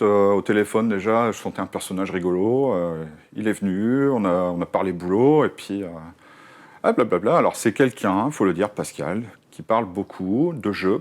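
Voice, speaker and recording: A man's voice: fairly low pitch, moderate pace. A middle-aged man, a game publisher, chatting casually in an interview and telling anecdotes with many hesitations. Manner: hesitant, many "euh" fillers, mimics others while telling anecdotes.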